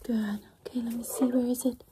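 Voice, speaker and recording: A young woman doing a whispered role-play as an ASMR scalp examiner, whispering quickly and repeating phrases, close to the microphone. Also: on the high side, little pitch movement, mellow, a little hiss or hum. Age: young adult. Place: small home studio with foam panels.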